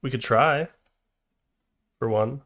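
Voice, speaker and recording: A man's voice: medium pitch, takes it slowly, fairly bright tone. A man hosting a podcast in casual chat, rambling and laughing often as he trails off and restarts sentences. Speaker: podcast host.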